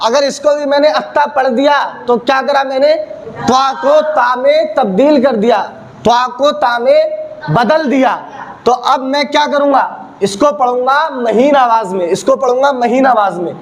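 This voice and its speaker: Very high-voiced man drilling a class. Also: unhurried, highs cut off, slight background noise. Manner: drills with repeated questions and answers; exaggerates heavy and thin sounds to demonstrate. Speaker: religious teacher. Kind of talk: recorded recitation lesson.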